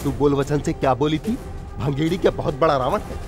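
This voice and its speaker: A man's voice: a little high, a little fast, lightly acted. An actor dubbing a mocking, menacing village strongman villain with a cackling laugh, over film music. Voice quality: sneering, cackling. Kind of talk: Hindi film dub.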